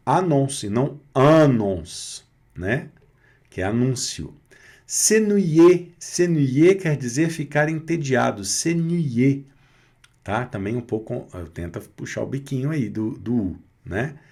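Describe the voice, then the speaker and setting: A Brazilian man teaching French pronunciation, slowly repeating each word and checking in with short tag questions. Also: medium pitch, darkish tone. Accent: Brazilian Portuguese. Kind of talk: pronunciation lesson over slides.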